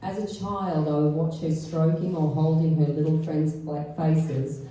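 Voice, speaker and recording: A middle-aged woman delivers an affectionate, deadpan wedding roast as mother of the bride. Her voice is soft-edged and mellow. It is picked up from a distance in a very echoey venue, with faint noise behind her. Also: low voice, a little slow. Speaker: mother of the bride giving a speech. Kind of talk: wedding speech read aloud, affectionate roast.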